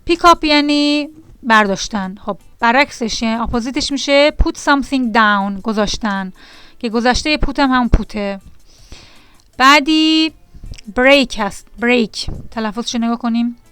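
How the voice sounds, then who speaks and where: A woman's voice: on the high side, a bit bright, clean tone, no echo. A woman teaching an English vocabulary lesson to beginners, reading definitions aloud and then explaining them patiently to her students. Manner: patient and repetitive, addressing students directly.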